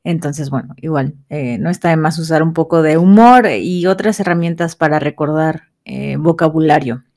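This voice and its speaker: A woman's voice: low voice, a little mellow. Woman teaching English vocabulary. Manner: repeats each English example slowly, then translates. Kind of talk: vocabulary lesson.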